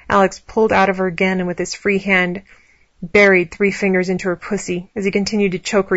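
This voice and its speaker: Woman narrator, erotic story reading, flat monotone delivery, dry close sound. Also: on the low side, dry recording, highs cut off.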